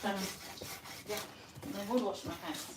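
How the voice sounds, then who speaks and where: Cooking live at home, this Nigerian host talks casually to her audience and calls out viewers by name. She speaks briskly in a mid-range voice, and the recording carries kitchen echo and a noisy background.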